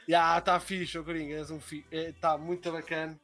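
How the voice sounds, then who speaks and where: A man's voice: on the high side, a bit bright. A young man with a European Portuguese accent chatting casually as a live stream co-host, slangy and full of swearing.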